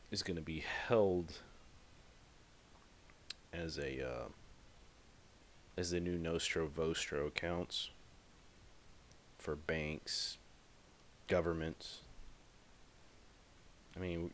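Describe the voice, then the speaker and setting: There's slight background noise as a low-voiced podcast host talks through a casual monologue. He rambles, stresses his points emphatically, and uses many fillers.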